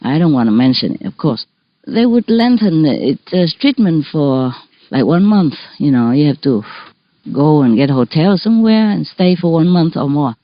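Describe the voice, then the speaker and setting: Chatty woman, slightly low voice. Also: animated, normal speed, no echo. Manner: chatty, warm anecdotes with frequent laughs and restarts. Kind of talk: casual talk to an audience. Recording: dull dry muffled recording.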